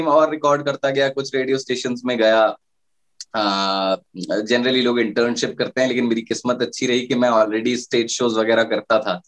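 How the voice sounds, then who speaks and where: A male radio jockey explaining his career in a casual interview, with frequent fillers and restarts. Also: medium pitch.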